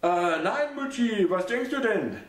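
A man's voice: sits high, lively intonation, unhurried, voice pushed up. Man doing a meek, flustered retired sergeant. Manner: timid, placating, flustered. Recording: roomy echo.

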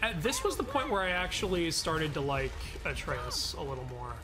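A man's voice: a little high, big pitch swings, moderate pace. A young man hosting a game stream, chatting and joking casually with laughs. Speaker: streamer host. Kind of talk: casual let's-play chat.

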